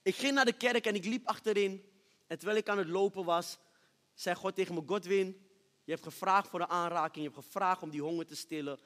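High-voiced preacher in a reverberant hall. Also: male voice, fairly quick. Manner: builds from hushed storytelling to loud shouted praise. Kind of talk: sermon testimony. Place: church stage with reverberant hall.

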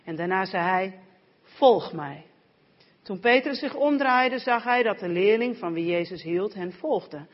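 A woman's voice: medium pitch, animated, measured pace. Woman interpreting in a reverberant church. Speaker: interpreter and scripture reader. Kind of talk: interpreting a sermon into Dutch, then reading scripture aloud. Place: church hall. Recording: dull lo-fi sound with long hall reverb.

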